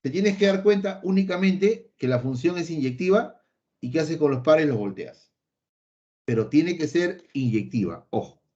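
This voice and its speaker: A recorded online math lesson, captured in slightly dull lo-fi sound, features a man whose voice is a little high, expressive and darkish, moving at a normal pace. He keeps repeating the main points with emphasis, speaks directly to the class, and now and then puts on the voice of a made-up student responding to him.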